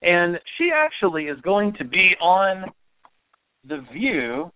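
A man's voice: high voice, very animated, slow pace, dry recording. A man hosting a political talk radio show, giving opinionated commentary full of rhetorical questions. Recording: tinny phone-like audio.

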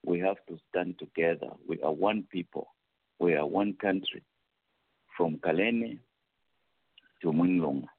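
A man from Zambia with a very deep, gravelly voice speaks with a preacher's force, declaiming each point. It comes through a muffled phone line with a husky edge, dry and close. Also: unhurried, long pauses, no room sound. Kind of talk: impassioned testimony.

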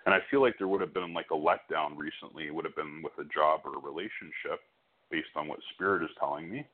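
Low-voiced male psychic hotline reader, muffled sound. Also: steady tone, fast. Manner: reassuring, checks for agreement. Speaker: phone-in psychic medium. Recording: muffled, band-limited call audio.

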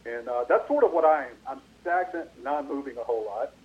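A man's voice: medium pitch, expressive, a little fast. A man hosting a sports talk radio show, calling in on a phone line with an echo on his microphone and telling a rambling story with many fillers. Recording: echoey, dull, lo-fi phone line.

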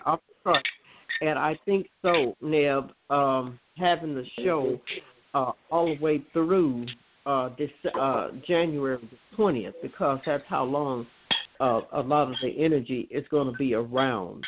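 A man's voice: mid-range voice, unhurried, background noise. Man talking over a tinny phone line. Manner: earnest, meandering, many fillers. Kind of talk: casual chat about spirituality.

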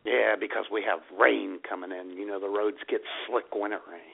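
The American radio co-host has a fairly low, steady voice with a creaky, breathy edge, and he talks at normal speed. His banter is casual, irreverent and a bit profane, with frequent exclamations, all heard through a tinny, band-limited signal.

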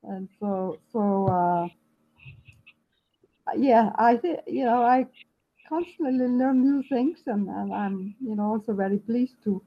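Speaking slowly in a higher-than-average voice, a class participant from Austria gives a halting self-introduction full of restarts, her Austrian German accent clear. The audio comes through a muffled, low-fidelity call line carrying faint noise.

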